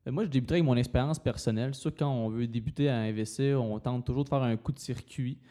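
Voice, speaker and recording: A man's voice: medium pitch, fast talker, warm tone. A man with a Quebec French accent speaking casually on a podcast, hesitating often with fillers. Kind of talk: casual finance podcast talk.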